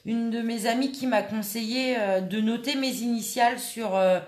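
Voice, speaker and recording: In a reverberant room, a woman demonstrates scrapbooking at her craft table, chatting casually and haltingly with many fillers. Her voice is a little high with fairly even intonation, and she keeps a moderate pace.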